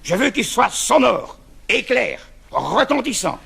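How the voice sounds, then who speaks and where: Husky, gravelly Brussels man. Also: very high-pitched, sing-song, measured pace, bright, forceful tone. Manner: emphatic, proud. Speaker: comic performer. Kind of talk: comic sketch with recited verse.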